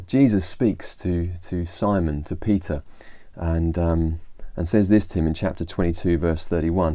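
Deep, mellow English man giving a devotional. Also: no room sound. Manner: conversational, retelling Bible stories with fillers and restarts. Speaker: church leader. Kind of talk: informal devotional talk.

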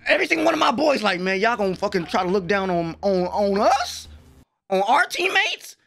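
In a small bedroom streaming setup, a young man reacts to anime with loose, slangy exclamations. His voice is high, a bit bright and very animated, with vocal fry and a fairly quick pace, picked up close by a desk microphone in front of him.

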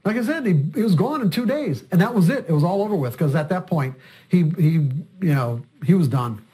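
A man's voice: high-pitched, lively intonation, brisk, dark tone. An older man, a trading coach, telling a story in an interview in a rambling way and often repeating words.

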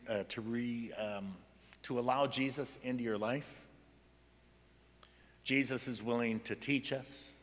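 With a mid-range voice, an American man in his sixties preaches as a pastor at a church pulpit, speaking through a gooseneck microphone. His talk is lively, conversational, and explanatory, leaning on rhetorical questions, and the sanctuary sound is reverberant.

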